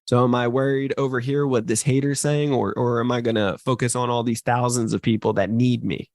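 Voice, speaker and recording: A man's voice: mid-range voice, little pitch movement, a little fast, darkish tone, no echo, studio quality. A man hosting a podcast, delivering an earnest, emphatic motivational monologue full of "like"s. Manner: earnest, emphatic, many filler "like"s. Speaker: podcast host.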